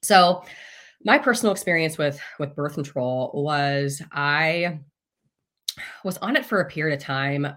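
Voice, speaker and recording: A woman's voice: deep voice, expressive, measured pace, a bit bright. A woman in her thirties, a podcast guest, telling a personal story in a candid, casual way, swearing freely and laughing often.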